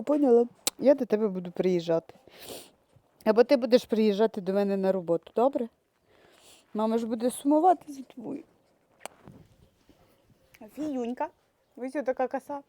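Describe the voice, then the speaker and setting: A woman's voice: fairly high pitch, dark tone. A Ukrainian woman dog breeder, tearful, cooing baby talk to her puppies in an emotional vlog. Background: dogs.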